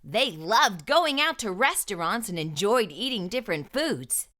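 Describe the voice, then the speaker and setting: A woman with a medium-pitched voice reads a storybook aloud to young children. Her delivery is expressive and emphatic, with deliberately shaped phrasing.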